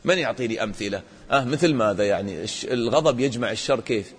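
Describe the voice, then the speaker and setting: A man with a mid-range voice teaches children a religious lesson, quizzing the class and acting out examples with lots of energy. He talks fast, and the recording has a long reverb tail.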